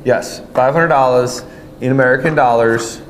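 A man's voice: mid-range voice, normal speed. A man hosting a casual store show, chatting about gear with lots of fillers and upbeat asides. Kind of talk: casual product chat. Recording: noisy store recording.

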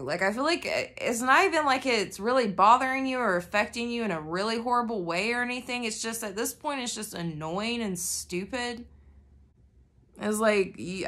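A tarot reader sounding nasal from an oncoming cold chats casually with her viewers while reading cards, full of fillers and swearing freely. She's indoors at a floor-level table, out of frame as the camera points at the cards, and her voice is medium-pitched and a bit bright.

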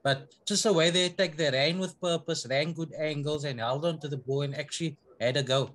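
A man's voice: a little high, fairly even intonation, fairly quick, fairly bright tone. A man working as a reporter, putting conversational questions to a coach at a press conference.

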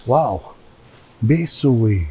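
A man with a Mexican accent, hosting an exploration vlog and giving hushed, cautious commentary as he walks through a large abandoned building. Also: medium pitch, lively intonation, slow pace. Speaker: host, explorer.

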